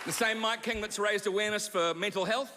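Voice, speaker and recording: A man's voice: high voice, steady tone, brisk, a loud crowd, very noisy. A man telling a teasing, chatty roast story on stage. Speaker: roast speaker. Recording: live stage with hall reverb and audience.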